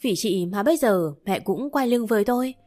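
A woman's voice: a little high, expressive, moderate pace, a little mellow, lightly acted. A woman voicing a tearful, two-faced young woman who pleads and denies, read in a storybook manner with light music behind. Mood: bitter. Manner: pleading and defensive.

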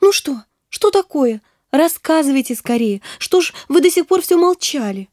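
Woman doing a high bubbly young girl in an audiobook, gushy and breathless, mellow tone. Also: animated, normal speed, no room sound, clean studio sound. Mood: impatient. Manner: breathless, exclamatory. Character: young woman, eager, excitable, affectionate. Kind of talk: audiobook character reading.

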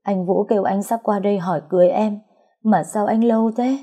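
A woman's voice: medium pitch, fairly even intonation, fairly quick, mellow, husky, pitched above the performer's own voice, lightly acted. A woman voicing a grief-stricken young pregnant woman who pleads through sobs. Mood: grieving, pleading. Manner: sobbing, pleading.

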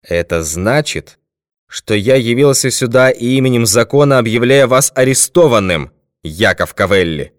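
A man's voice: mid-range voice, expressive, moderate pace, no echo, clean studio sound, pitched above the performer's own voice, close to an everyday voice. A man reading an audiobook, voicing a male detective who speaks firmly and with authority. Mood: commanding. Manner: firm and authoritative. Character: calm, commanding male detective.

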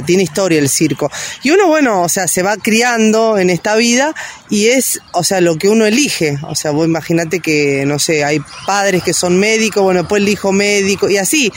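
A woman's voice: medium pitch, slight background noise. An Argentine woman talking casually in an interview, rambling with many fillers and restarts. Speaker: interviewee, circus worker.

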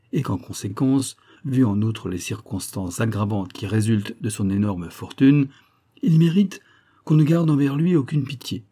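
A man's voice: fairly low pitch, mellow. A man voicing a cynical male criminal who coolly reasons his way toward a murder for an inheritance, in an audiobook. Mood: scheming. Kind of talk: audiobook character voice.

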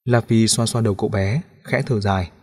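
Low, husky male audiobook narrator. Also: fairly even intonation, brisk, darkish tone. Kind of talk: scripted narration of a novel.

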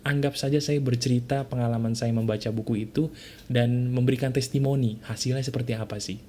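A man with a mellow, warm voice gives a motivational talk straight to the listener. He speaks casually and directly, tossing out rhetorical questions and tag words. He hammers his key points home by saying them again. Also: medium pitch, a little hiss or hum. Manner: insistent, repeats key points.

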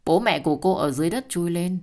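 A woman voicing a brutal, foul-mouthed husband who shouts insults in an audio story. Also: on the low side, quick pace, close to an everyday voice. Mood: angry shouting.

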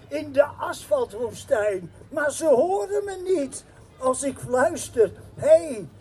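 A high-pitched man recites poetry at a very slow, deliberate pace. His voice is husky and breathy, with a dark, mellow tone. He lands each line in rhythm and circles back to a repeating refrain. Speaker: poet.

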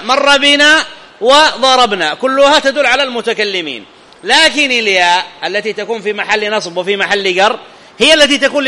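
High, bright-voiced male teacher in a reverberant hall. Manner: questioning students, checking understanding. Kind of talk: live classroom grammar lesson. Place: classroom.

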